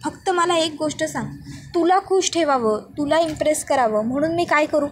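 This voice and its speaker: A woman's voice: high-pitched, moderate pace, slight background noise, lightly acted. A woman voicing a scheming young wife who sweetly coaxes her husband. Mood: coaxing. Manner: sweet, coaxing.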